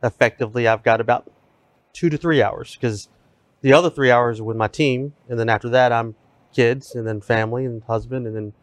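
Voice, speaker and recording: Steady, matter-of-fact man in his forties. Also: medium pitch, brisk, no room sound. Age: 40s. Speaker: real estate team leader, guest. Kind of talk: casual podcast conversation.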